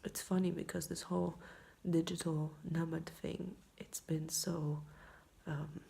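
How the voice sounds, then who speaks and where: A tired woman talking quietly at night in a rambling casual vlog, mostly in a whisper, close to her phone. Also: deep voice, little pitch movement, unhurried, creaky. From Poland. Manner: quiet, hushed night-time talk, often whispering; rambling, self-deprecating. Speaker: vlogger. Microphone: iPhone, leaning in close.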